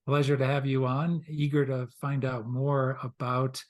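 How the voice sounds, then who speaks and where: A man hosting a podcast, asking questions in a halting way with many uhs and ums. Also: medium pitch, little pitch movement. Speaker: podcast host. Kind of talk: podcast interview.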